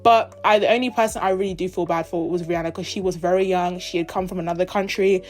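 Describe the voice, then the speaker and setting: A woman's voice: on the low side, fairly even intonation, quick pace, faint music behind. A 21-year-old woman from the United Kingdom and Zimbabwe, ranting casually in an opinion vlog. She talks in an emphatic, indignant way and mimics other people in quoted asides. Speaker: vlogger.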